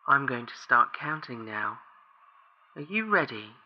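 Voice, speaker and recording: A man voicing an eerie caller of unclear sex who counts down in a calm, precise, emotionless monotone. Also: mid-range voice, a little slow, muffled recording.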